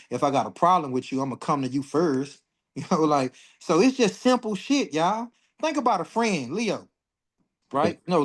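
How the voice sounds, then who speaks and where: Speaking at a medium pitch, a man in his forties runs an astrology livestream. He's casual and blunt, curses constantly, and works himself up during rants.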